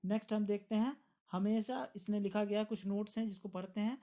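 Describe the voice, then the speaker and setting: A woman's voice: mid-range voice, fairly even intonation, brisk, warm tone. A woman with an Indian accent teaching an online exam-prep grammar lesson. She explains step by step, repeats key words and mixes English terms into her Hindi.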